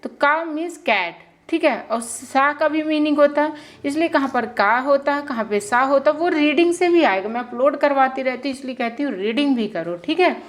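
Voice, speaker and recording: A woman with a high voice gives a casual English lesson. She spells words out, repeats every meaning twice, and keeps checking that her listeners follow. She is from India. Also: animated, normal speed, hardly any pauses. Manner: repetitive, explains each word twice, checks in with "theek hai". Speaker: English teacher.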